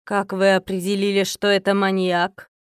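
A woman voicing a stern, displeased male investigator with a low, velvety voice. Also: monotone, normal speed, clear, resonant tone, dry recording, clean studio sound, lightly acted. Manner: stern, questioning.

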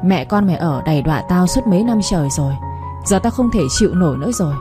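A woman voicing an angry older mother-in-law who scolds and curses in a fast, harsh voice. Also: fairly low pitch, expressive, music in the background, natural voice. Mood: furious.

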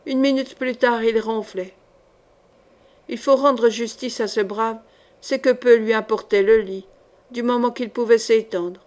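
A woman narrating a swashbuckling novel with expressive storytelling. Her voice sits a little high. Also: a little slow. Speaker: audiobook reader. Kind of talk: scripted narration.

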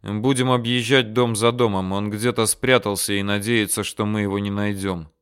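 A man doing a gruff, curt army corporal. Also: lowish voice, fairly even intonation, normal speed, fairly bright tone, lightly acted. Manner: curt, snapping. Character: gruff, irritable male corporal of an invading army.

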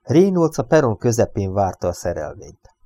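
Low-voiced man reading a crime novel. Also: very animated, dry recording. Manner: measured storytelling, raises voice for shouted dialogue. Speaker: audiobook reader. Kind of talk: audiobook narration of a crime novel.

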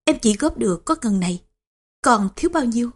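Calm sorrowful young widow, read by a woman, quiet and gentle, husky tone. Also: fairly high pitch, fairly quick. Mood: calm, sad.

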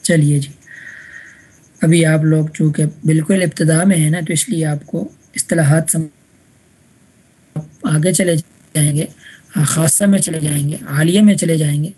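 A woman's voice: low voice, mellow, breathy edge. A woman teaching an Arabic grammar class online, patiently repeating examples and checking that students follow. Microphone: online voice chat room.

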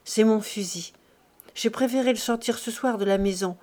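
A woman's voice: on the high side, moderate pace, darkish tone, lightly acted. Audiobook reader woman doing an earnest young male rebel in her own voice, emphatic.

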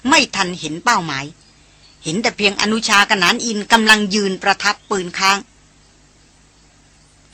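A woman narrates a jungle adventure novel as an audiobook. Her voice is bright with a breathy, husky edge. The recording is dry and close, with no room sound. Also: medium pitch, no room sound. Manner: reads all characters' dialogue in her own voice.

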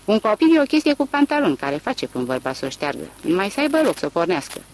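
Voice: medium pitch, big pitch swings, pitched above the performer's own voice, rough recording. An audiobook reader voicing a shrewd, talkative country man with a wry, questioning manner.

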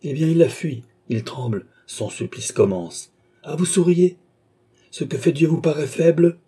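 Storybook doctor, read by a man: grave, commanding, dark husky tone. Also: on the high side, unhurried, pitched above the performer's own voice. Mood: vehement. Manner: solemn, commanding exhortation. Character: stern older male doctor, grave moralist. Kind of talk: audiobook character voice.

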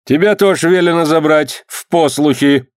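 A man voicing a gruff, commanding male government clerk who scorns the peasants. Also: a little high, normal speed, no room sound, studio quality, voice pushed up, close to an everyday voice. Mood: scornful, commanding.

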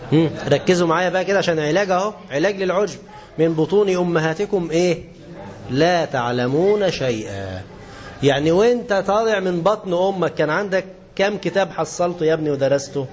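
A man with an Egyptian Arabic accent giving a colloquial religious lesson, often asking his listeners questions and slowing down to stress quoted verses. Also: a little high. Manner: lively, asks the class questions and answers them; slows down and stresses scripture quotes. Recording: dull lo-fi lesson recording with faint hiss.

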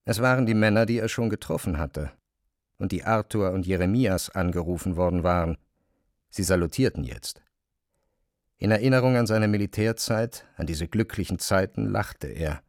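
A man reading literary narration for a radio play, measured and even. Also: sits low, dry recording, studio quality.

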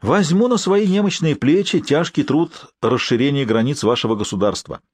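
A man's voice: a little high, very animated, normal speed, a little mellow, breathy edge, no echo, voice pushed up. Man reading a teasing, lecturing professor. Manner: lecturing, cheerfully scolding. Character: brisk, teasing male professor and personal doctor.

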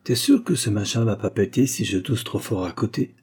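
Man reading as clumsy hulking young guy, slangy, husky low voice. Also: brisk, a little mellow. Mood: joking. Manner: slangy, sheepish. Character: big wary clumsy young man, joking nervously.

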